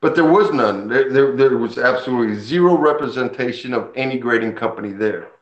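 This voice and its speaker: A Puerto Rican man whose first language is Spanish hosts a casual chat about comics, telling enthusastic, rambling stories. His voice is medium-pitched and brisk, and the recording sounds dull and roomy.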